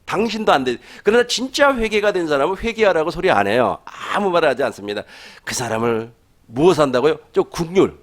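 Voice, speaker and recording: A male pastor preaching with a voice that rises and falls in lively swings. His voice sits fairly high, and he keeps putting questions to the congregation and chuckling along the way. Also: fairly quick. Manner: animated, asks the congregation questions. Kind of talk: sermon.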